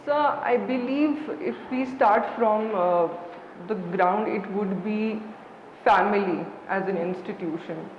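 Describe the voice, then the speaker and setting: A young woman with a Kashmiri accent, answering formally and haltingly as a deferential interview candidate. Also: mid-range voice. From Srinagar, Kashmir, India. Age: young adult. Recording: echoey hall, dull sound, background noise.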